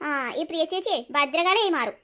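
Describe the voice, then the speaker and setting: In a cartoon story, a woman gives a full character voice to a caring teenage older sister who explains things patiently. Her pitch is very high and her delivery is animated, bright, forceful and a little fast.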